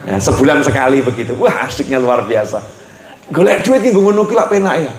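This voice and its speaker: Playful preacher, echoey hall. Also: male voice, medium pitch, lively intonation, fairly quick. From Indonesia. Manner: playful, chatty, slips into Javanese and laughs often. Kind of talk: lively Islamic sermon. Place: large mosque hall.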